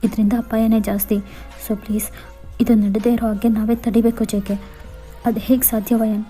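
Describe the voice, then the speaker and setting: A woman voicing a young fiancée in a Kannada fan-fiction audio story, explaining things in a hushed, earnest way. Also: a little high, level tone, moderate pace, soft background music, natural voice. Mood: urgent. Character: young woman, dead fiancée, calm and urgent.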